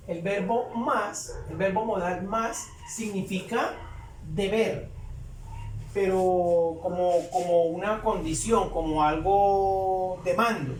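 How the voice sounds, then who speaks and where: A man teaching English grammar in Spanish, explaining slowly and repeating phrases as he writes on a board. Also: sits high, recorded from a distance, slight background noise. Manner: slow, repeats phrases while writing. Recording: echoey room, voice away from mic.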